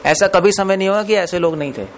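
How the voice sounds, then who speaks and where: Conversational male preacher, slightly high voice. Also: fast talker, a little hiss or hum. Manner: conversational, asks the audience questions; mixes English phrases into Hindi. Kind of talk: Hindi scripture discourse.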